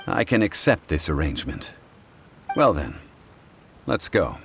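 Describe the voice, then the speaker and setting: An actor voicing a calm, wise, ancient male consultant, speaking in a measured, formal way. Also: low-pitched, vocal fry, slight background noise, full character voice. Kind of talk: video game voice acting. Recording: game audio with loud music.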